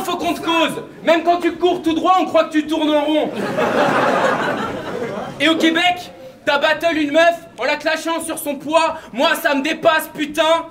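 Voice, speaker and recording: A man performing a cappella battle rap at a live event, delivering brash, mocking punchlines. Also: very high voice. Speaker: battle rapper. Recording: echoey venue, distant mic, crowd noise. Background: crowd reactions and laughter.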